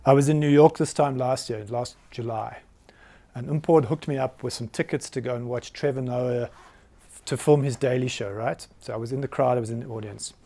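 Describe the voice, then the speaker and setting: A South African man in his late forties speaks to a roomful of people at a medium pitch. He talks in a candid, self-mocking way and with plenty of energy. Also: steady tone, brisk, mellow. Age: 40s. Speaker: business founder giving a talk. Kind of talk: live presentation to an audience. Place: meeting room with audience.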